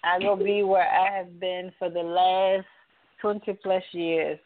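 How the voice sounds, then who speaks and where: A woman's voice: lowish voice, level tone, a little slow. A woman co-hosting a call-in radio show as a life coach, speaking in an upbeat, motivational way. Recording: tinny phone-line sound.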